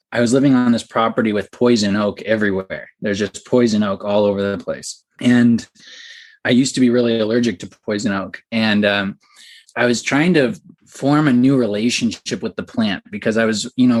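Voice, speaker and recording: Excited man telling a story. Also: medium pitch. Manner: excited, animated storytelling with many fillers. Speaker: podcast guest. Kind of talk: casual storytelling.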